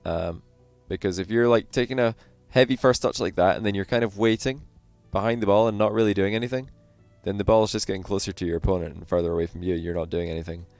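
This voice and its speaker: A man giving relaxed, casual coaching commentary on a game replay, with frequent fillers. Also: deep voice, fast, no echo. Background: faint lo-fi background music.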